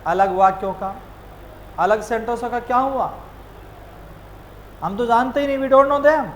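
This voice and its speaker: Indian man drilling pronunciation, slow. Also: very high voice, slight background noise, poor audio. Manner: asks questions and answers them himself, drills words slowly. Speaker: spoken English teacher. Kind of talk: classroom lesson mixing Hindi and English.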